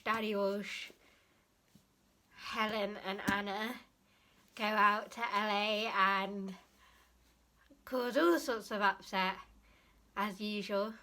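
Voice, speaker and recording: A woman's voice: mid-range voice, bright, forceful tone. A young woman vlogger talking casually about a book she has read, chatty and often stopping to search for the right word or correct herself.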